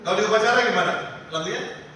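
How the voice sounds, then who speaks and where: A man's voice: high voice, rapid-fire, crowd noise. A man teaching a singing lesson, asking his class many questions in a chatty way. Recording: echoey hall, mic far off, noisy.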